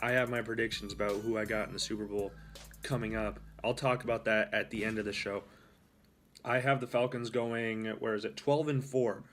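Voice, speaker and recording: A man's voice: fairly low pitch, steady tone, a little fast, music in the background. Young man rambling through sports predictions. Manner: rambling, with fillers and self-corrections. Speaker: host. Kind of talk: casual sports talk monologue.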